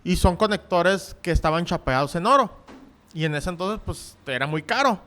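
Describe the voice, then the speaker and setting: High-voiced male pastor telling a story. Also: expressive, normal speed. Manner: storytelling, acting out quoted voices, rising to shouts. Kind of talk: sermon with personal testimony.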